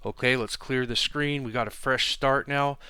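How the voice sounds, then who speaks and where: A man walks through a coding tutorial in a relaxed, thinking-aloud way, with ums and small restarts as he types. His voice is bright and crisp, close to the mic in a dry, dead room. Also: medium pitch, normal speed, no echo. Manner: relaxed, thinking aloud with fillers while typing. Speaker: programming instructor. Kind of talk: casual screencast coding tutorial.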